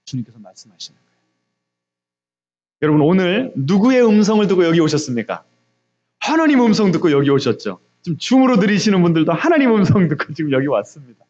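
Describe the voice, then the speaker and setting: A man's voice: high-pitched, sing-song, quick pace, darkish tone, muffled recording. A middle-aged man preaching a sermon as pastor, pressing the congregation with repeated questions and emphatic rises. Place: church sanctuary, also streamed on video call.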